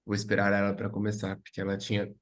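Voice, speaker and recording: Gentle affirming male podcast host. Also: lowish voice, completely flat delivery, quick pace. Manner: gentle, affirming, laughs easily. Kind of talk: warm conversational hosting.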